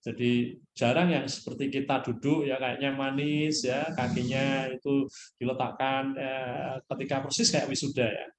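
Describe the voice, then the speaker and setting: A man's voice: medium pitch, level tone, normal speed, noisy background. Male lecturer, explanatory classroom delivery with "ya" tags; recorded in a reverberant room. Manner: frequent "ya" tag questions, mixes English terms. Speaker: nursing lecturer. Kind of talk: university lecture. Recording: roomy echo.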